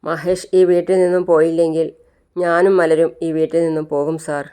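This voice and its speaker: The narrator voicing a young mother who is angry and protective, with sharp, defiant retorts in a clear voice. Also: low-pitched, little pitch movement, fairly quick, close to an everyday voice.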